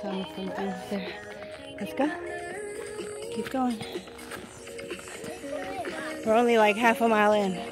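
A woman's voice: mid-range voice, slow pace, long pauses, over loud music. A woman filming a casual vlog on a hillside trail, chatty and encouraging, out of breath as she hikes with her kids. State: out of breath on the hike. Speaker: vlogger and mom. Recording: outdoor phone audio with steady background noise.

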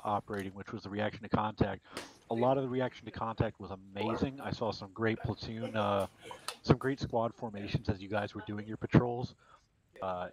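A man leading a military sim game unit, calmly passing notes to his players over a radio with clicks and static bursts, repeating key points. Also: lowish voice, poor audio. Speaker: milsim unit leader giving notes.

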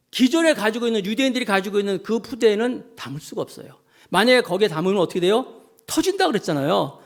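A man preaches a sermon in a high voice with a gravelly edge. He speaks with emphasis and keeps turning to the congregation with rhetorical questions. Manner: storytelling with acted quotes. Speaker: pastor.

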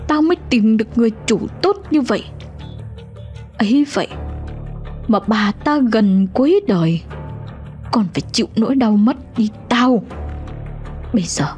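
A woman's voice: medium pitch, a little mellow, lightly acted. A woman voicing a vengeful dog spirit that has possessed an old man, speaking with menace through clenched teeth.

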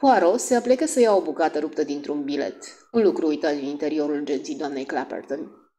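A woman's voice: low voice, mellow. A woman narrating an audiobook expressively, voicing each character.

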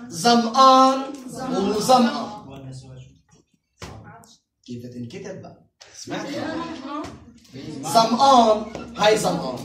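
An Arabic teacher with a mid-pitched voice gives a classroom lesson, slowly drilling word patterns and repeating them. She is chatty and laughs with her students, who can be heard in the background. The recording comes from a distant mic in a roomy classroom.

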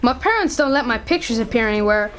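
A woman's voice: fairly high pitch, animated, quick pace, fairly bright tone. A woman voicing a smug, teasing twelve-year-old boy gamer in a radio drama. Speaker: child character in audio drama.

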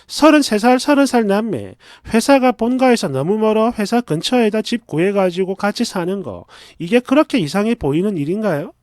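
A man reading a first-person story aloud in a chatty, confiding, expressive way. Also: sits high, no room sound, studio quality.

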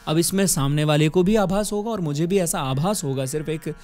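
A man's voice: a little high, brisk, a little mellow. A man teaching music, explaining patiently at a close mic and often checking with his students, with sung demonstrations over a harmonium. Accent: Hindustani. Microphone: close studio microphone. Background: harmonium playing.

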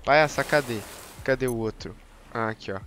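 A man's voice: medium pitch, a little fast, background noise. A man giving slangy, joking gameplay commentary on a live stream and teasing his chat. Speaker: game streamer.

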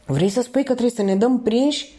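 Woman voicing a young male thief, slangy, pleading, jittery, raised voice, mellow tone, audiobook. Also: a little high, pitched above the performer's own voice, natural voice. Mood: alarmed.

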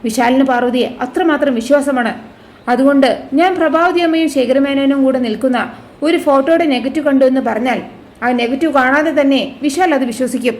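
A woman's voice: high voice, brisk, darkish tone, natural voice. A woman voicing a ruthless, scheming middle-aged villainess who plots murders, speaking coldly and menacingly. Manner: cold, menacing, plotting.

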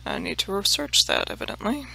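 A woman's voice: brisk, pushed and bright. A woman hosting a let's play, chatting casually and mocking herself, swearing freely and dropping into murmured half-whispered asides. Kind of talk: casual gameplay commentary.

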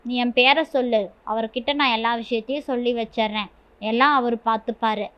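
A man's voice: very high-pitched, steady tone, normal speed, smooth. A woman voicing a housemaid's generous husband who talks in a practical, reassuring way in a storybook reading. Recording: dull lo-fi with faint music.

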